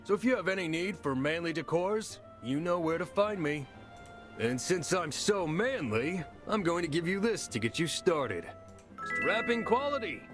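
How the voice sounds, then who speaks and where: A boastful burly shopkeeper. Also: male voice, on the high side, animated, moderate pace, fairly bright tone. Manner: boastful, proud of being manly. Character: boastful burly male furniture seller. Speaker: game character. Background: game music.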